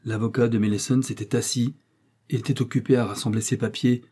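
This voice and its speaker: Mellow husky male audiobook narrator. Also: mid-range voice, flat delivery, fairly quick. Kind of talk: scripted narration.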